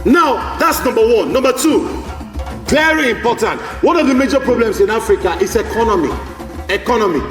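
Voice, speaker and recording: Heard from a distance in an echoey large hall, a man gives a stirring forum speech in a very high, animated, slightly bright voice that runs a little fast. He repeats lines, exhorts listeners and calls to the crowd over soft background music.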